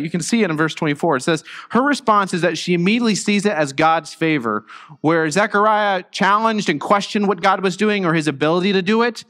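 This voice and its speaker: Preaching in a church sanctuary with a long reverb tail, a middle-aged pastor speaks in a fairly high, fairly bright voice. He's earnest and conversational, restarting often, his voice recovering after it was lost.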